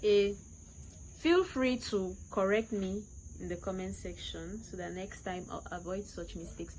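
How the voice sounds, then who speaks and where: Casting: woman reviewer, French, mid pitch, casual and chatty, some hesitation, faint background noise. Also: slow pace. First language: not French; fluent in English. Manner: foreign-accented French, hesitant, switches into English. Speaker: YouTube series reviewer. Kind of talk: casual chatty opinion recap.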